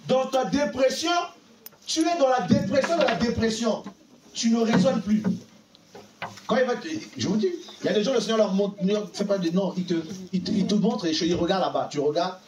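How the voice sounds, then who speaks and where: Male preacher, high and lively delivery, exhorting; echoey room, mic at a distance. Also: normal speed, noisy background. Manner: animated, exhorting, acts out dialogues. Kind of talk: sermon.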